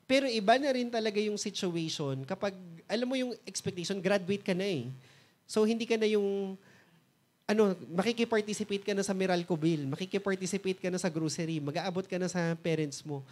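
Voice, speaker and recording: A man's voice: high voice, fairly quick, darkish tone. A man in his thirties from the Philippines with a Filipino accent. He is a mentor telling his own success story, switching between Tagalog and English and acting out remembered conversations. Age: 30s. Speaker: mentor and motivational speaker. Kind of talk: personal success story talk.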